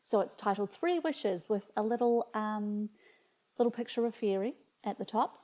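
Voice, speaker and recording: Reading from her own childhood stories, this New Zealand woman hosts a video in a casual, hesitant, reflective and amused way. She has a medium-pitched, warm voice with lively intonation and a moderate pace, heard over slightly muffled audio.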